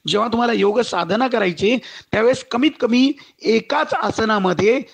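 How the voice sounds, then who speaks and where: A man's voice: extremely high pitch, moderate pace, creaky, slightly rough. A man giving a public lecture in an oratorical manner, addressing the audience as friends and reciting verses.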